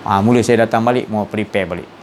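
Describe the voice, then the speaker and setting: A man giving an informal religious talk, telling stories with lively sound effects. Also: fairly low pitch, fast talker, a little hiss or hum. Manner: animated storytelling with sound effects. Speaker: religious teacher.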